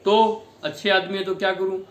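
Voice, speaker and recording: A man's voice: high-pitched, flat delivery, normal speed, a bit bright, reverberant, slight background noise. A man voicing a fretful, complaining priest in a devotional story. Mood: grumbling. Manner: complaining, cursing.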